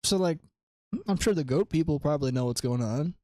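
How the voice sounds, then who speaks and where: A man's voice: on the high side, animated, brisk, darkish tone, dry recording, studio quality. A young man co-hosting a podcast in casual chat, joking and laughing often as he teases his co-host with questions.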